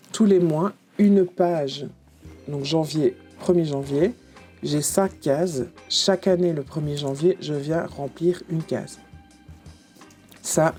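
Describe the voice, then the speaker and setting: Chatty, self-mocking woman with a mellow voice. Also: deep voice. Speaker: journaling vlogger. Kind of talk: casual chat about her notebooks.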